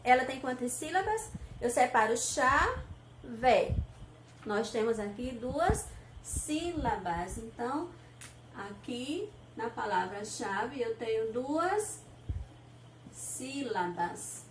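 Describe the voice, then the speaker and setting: A woman teacher with a Brazilian Portuguese accent, giving a recorded lesson to young children, patient and repeating each point, sounding out syllables slowly. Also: fairly high pitch, lively intonation. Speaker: primary school teacher. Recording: echoey room, faint noise.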